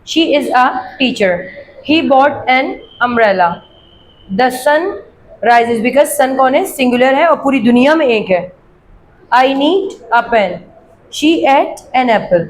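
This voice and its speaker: An animated woman with a high voice teaches from an English grammar worksheet, reading examples slowly and clearly, then explaining at speed. She keeps asking her students questions and answering them herself. Slight background noise is audible on this rough recording.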